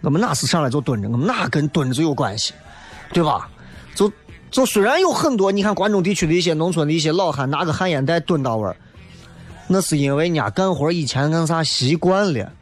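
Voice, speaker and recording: A man in his thirties from Shaanxi, with a Guanzhong Shaanxi accent, hosting a humorous, colloquial ranting monologue full of animated rhetorical questions. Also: a little high, fairly quick, faint music behind. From Shaanxi, China. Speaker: show host.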